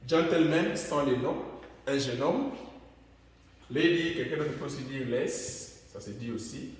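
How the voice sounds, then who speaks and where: A man's voice: mid-range voice, expressive, measured pace. A man with a Central African French accent teaching English in a classroom, calling out example phrases with emphasis. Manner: drills English words with raised, emphatic calls. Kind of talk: classroom lesson. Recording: echoey room, far from mic.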